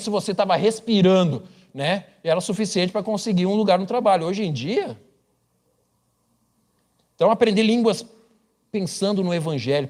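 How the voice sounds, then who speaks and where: A man, preaching a sermon as pastor with humorous, animated storytelling. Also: a little high.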